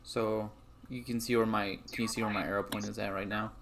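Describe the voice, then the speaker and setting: A man running a tabletop game as game master, explaining the rules in a measured, patient way. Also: on the low side, level tone, creaky, crowd noise.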